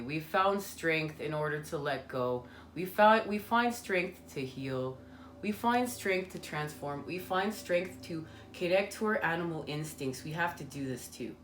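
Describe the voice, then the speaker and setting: In an echoey room with faint background noise, a woman offers a spiritual tarot reading. Her voice is on the low side with a fairly bright tone. She speaks earnestly, drifting from point to point with plenty of fillers.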